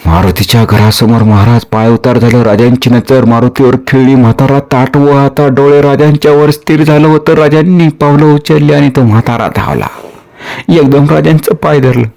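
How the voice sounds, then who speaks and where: A man narrating a historical story in an expressive, dramatic manner. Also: medium pitch, normal speed, gravelly.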